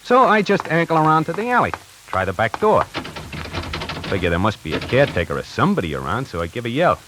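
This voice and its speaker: Fast-talking, with a medium pitch that swoops wildly, a man performs the narrator and lead of a 1940s radio drama: a slangy, hardboiled necktie salesman full of wisecracks. Music and noise fill the background.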